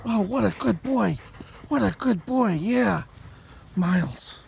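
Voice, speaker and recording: A man filming a casual vlog indoors, talking in a high, sing-song baby voice to a dog. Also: lively intonation, takes it slowly, vocal fry, darkish tone, slight background noise. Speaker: vlogger.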